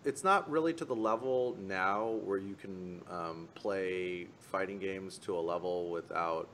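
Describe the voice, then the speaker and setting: A man's voice: deep voice, unhurried, fairly bright tone, a little hiss or hum. A man co-hosting an esports talk show in casual panel chat, making jokes and trailing off mid-list.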